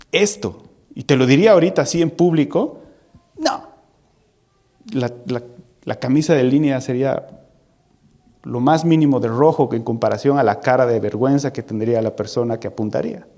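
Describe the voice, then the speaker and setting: A man preaching a sermon in an animated way, asking the listeners rhetorical questions and acting out the voices of the people in his story. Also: a little high.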